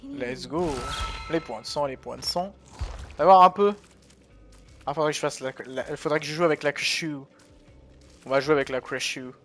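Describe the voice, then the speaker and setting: Lively streamer man over game music. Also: a little high, moderate pace, pauses often. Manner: animated, talks to himself, tags lines with "hein". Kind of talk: live gameplay commentary.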